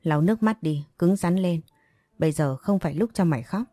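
A bossy young countrywoman, put on by a woman reading a story, scolds fast and hard in a low, dark, dry voice. She pushes her friend along with no patience. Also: dry recording, faint music behind, natural voice. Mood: urging. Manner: scolding, quick and forceful.

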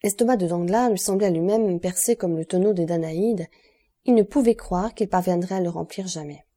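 A woman narrates a classic novel for an audiobook in a measured, even way. Her voice is mellow and dark, a little low in pitch. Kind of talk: scripted literary narration.

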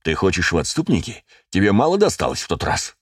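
A battle-hardened army captain in an audiobook, read by a man, growling his words in a deep, low voice. The recording is dry and close, with no room sound. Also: wildly swooping pitch, fast talker, husky, no room sound, exaggerated voice. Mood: stern. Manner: growling, stern.

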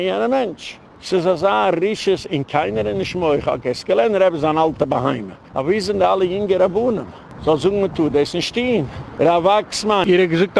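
A man's voice: high-pitched, gravelly, darkish tone, slight background noise. A man, a rabbi, delivering a heated, rambling lecture in an emphatic way, dropping English words into his speech.

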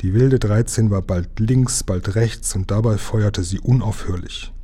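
A man with a low, mellow voice reads a children's adventure story aloud. His narration is dramatic and lively, with a soft husky edge. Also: unhurried. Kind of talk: children's book reading aloud.

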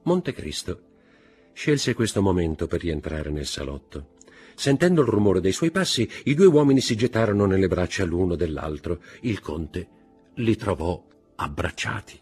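A man reading a classic novel aloud in a measured storytelling manner. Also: low voice, sing-song, a little mellow, breathy edge, soft background music. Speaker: audiobook reader. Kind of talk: scripted literary narration.

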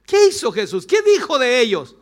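A man's voice: very high-pitched, huge pitch swings, normal speed. A man with a Chilean accent, a pastor preaching a rousing sermon at a church service, full of rhetorical questions and playful asides. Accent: Chilean Spanish.

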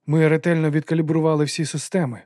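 A man's voice: fairly high pitch, flat delivery, quick pace, mellow, dry recording, studio quality, pitched above the performer's own voice, lightly acted. A man voicing a nervous young clockmaker who talks in an unsure, hesitant way.

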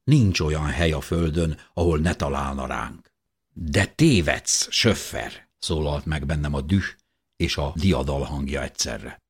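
Man, deep voice, slightly husky tone, audiobook narration, measured and expressive. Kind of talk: first-person audiobook narration.

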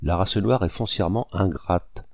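A man's voice: deep voice, moderate pace, vocal fry, no room sound, clean studio sound. A man voicing a sneering, scornful planter. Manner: sneering, doubtful. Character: scornful male colonial planter, mocking.

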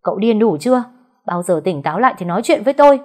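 A woman's voice: on the low side, expressive, fairly quick, husky. A woman voicing a young wife who speaks sharply and reproachfully in an audio story. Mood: angry. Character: young wife, firm and worried.

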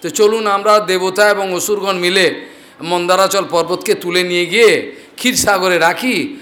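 A man voicing a humble, persuasive male envoy of the gods who flatters a king, in a storytelling sermon. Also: sits high, normal speed.

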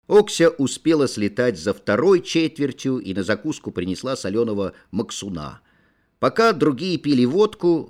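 A man narrating an audiobook in an expressive storytelling manner. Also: mid-range voice.

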